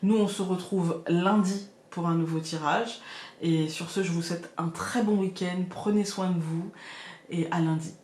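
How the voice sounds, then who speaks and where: A woman's voice: on the low side, fairly even intonation, moderate pace. Reflective woman reading tarot, roomy sound. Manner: reflective, gently reassuring, addresses viewers directly. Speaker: tarot card reader. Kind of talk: casual daily tarot reading to camera. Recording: roomy echo.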